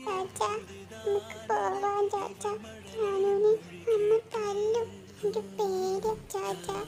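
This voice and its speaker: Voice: fairly even intonation, measured pace. A performer voicing a small, playful little girl who whines and turns teary, in a fan audio drama. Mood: tearful. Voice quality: high childlike voice. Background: background music.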